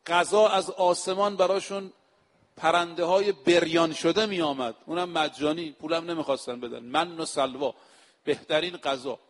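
A male preacher giving a sermon, speaking to his listeners directly and reciting scripture quotes slowly and with emphasis. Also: fairly high pitch, fairly even intonation, in a large hall. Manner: addresses the audience directly. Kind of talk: religious sermon.

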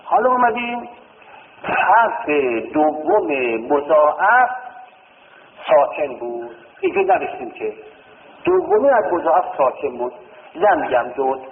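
Male teacher, lively rising and falling delivery, tinny phone-like sound, long hall echo. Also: on the high side. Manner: explains step by step, asks and answers his own questions, drills verb forms aloud. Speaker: Arabic grammar teacher. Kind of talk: classroom lesson.

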